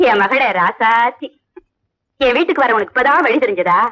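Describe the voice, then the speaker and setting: Woman acting as a scheming stepmother aunt, high voice, mocking and scolding, dull sound, music behind. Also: fairly bright tone, exaggerated voice. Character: scheming greedy stepmother aunt, sharp-tongued. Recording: dull audio with background music.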